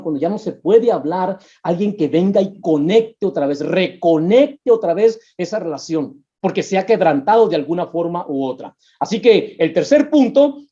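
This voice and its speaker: A man's voice: sits high, dark tone. A male pastor preaching a sermon on relationships, with emphatic rises and drops, addressing the listeners as brothers. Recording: dull muffled sound.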